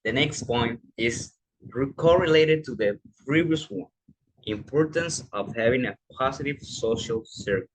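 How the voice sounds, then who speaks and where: A man's voice: mid-range voice, measured pace, a little hiss or hum, rough recording. A young man speaking English, giving an earnest motivational talk full of restarts and fillers. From Panama.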